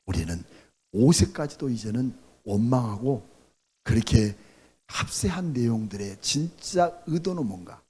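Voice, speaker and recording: A middle-aged male pastor preaching a sermon. He fires rhetorical questions at the congregation, swinging between loud bursts and quiet drops. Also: mid-range voice, breathy edge.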